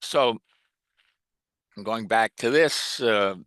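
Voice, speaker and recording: A man giving a technical lecture to a hobby group, hesitant, with many fillers and restarts and frequent throat-clearing. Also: on the low side, very slow, fairly bright tone, no echo. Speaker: technical presenter. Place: meeting room.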